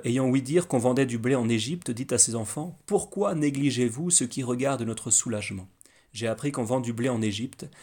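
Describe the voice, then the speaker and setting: A man reading a Bible story aloud as scripted narration, in a measured way with small slips. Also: medium pitch, a little mellow. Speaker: Bible reader.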